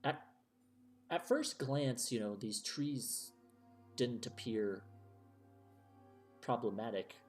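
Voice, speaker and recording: A man running a tabletop role-playing game as game master, narrating scenes and calling for rolls in a measured way. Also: medium pitch, soft background music.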